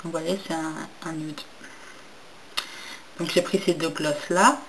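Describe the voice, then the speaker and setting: A woman's voice: deep voice, fairly even intonation, a little slow, noisy background. A young woman chatting casually in a makeup haul video, hesitant with many fillers and restarts, and enthusiastic about packaging. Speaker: beauty vlogger.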